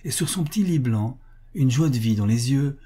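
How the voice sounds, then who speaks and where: A man reading a short story aloud in measured, expressive scripted narration. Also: mid-range voice, husky. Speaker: volunteer audiobook reader.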